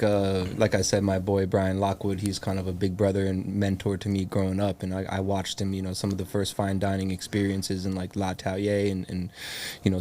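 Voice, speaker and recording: A man's voice: low voice, warm tone, a little hiss or hum. A man, a guest on a podcast, chatting casually in a laid-back, rambling way full of fillers. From United States. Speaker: guest, coffee company founder.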